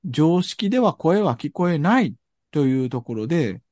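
Kansai man, lively rising-and-falling pitch, dry close sound, ponders as he talks. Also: normal speed, no room sound. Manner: thoughtful, searching for words. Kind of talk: reflective discussion.

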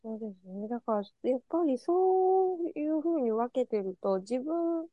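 A soft-spoken woman taking part in a reflective discussion, agreeing and sharing her thoughts. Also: high voice, animated, moderate pace, dry recording. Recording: dull lo-fi dry sound.

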